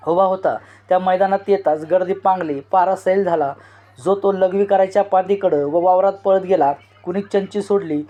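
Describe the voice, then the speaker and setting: Brief: male narrator, high pitch, expressive dramatic reading, dull lo-fi sound. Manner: expressive, stretches out shouted cries. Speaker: storyteller explaining a novel. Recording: dull lo-fi recording.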